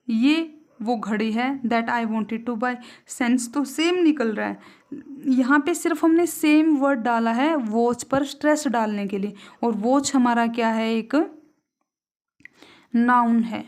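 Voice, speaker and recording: A young woman with an Indian accent teaching an English grammar lesson in Hinglish. She asks questions and answers them herself, and she reads each example sentence slowly before translating it. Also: on the high side, a little mellow.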